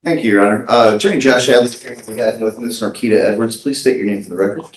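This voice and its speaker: A man, a defense attorney, addressing a judge in a formal, halting way with fillers, heard in a courtroom recording. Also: lowish voice. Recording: echoey courtroom recording from off-mic.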